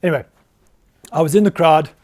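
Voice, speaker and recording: A man's voice: fairly high pitch, brisk, darkish tone. A South African man in his forties, giving a candid, self-deprecating talk to a live audience in a meeting room. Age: 40s. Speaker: business founder giving a talk.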